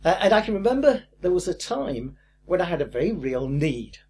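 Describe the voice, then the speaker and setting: An older man teaching a recorded course lesson in a lively, emphatic way with a husky voice. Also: high-pitched, a little fast. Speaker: course instructor.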